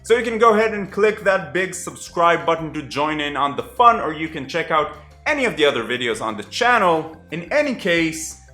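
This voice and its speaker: A man chatting through a casual TV review vlog in a wry, animated way. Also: on the high side, normal speed, reverberant, faint music behind. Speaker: TV review vlogger.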